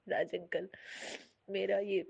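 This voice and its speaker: A woman's voice: medium pitch, little pitch movement, takes it slowly, creaky, husky, lo-fi sound. A woman sending a pleading devotional prayer message, asking for blessings.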